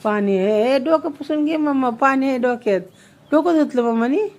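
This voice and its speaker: A young woman, a mother, chatting playfully with her little daughter, teasing her with lots of quick questions. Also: sits high, a little mellow.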